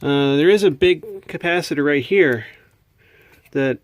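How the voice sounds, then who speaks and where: An American hobbyist video maker at his home workbench does a casual show-and-tell, his voice a little high and somewhat slow with no echo. He thinks out loud, sounding hesitant and puzzled.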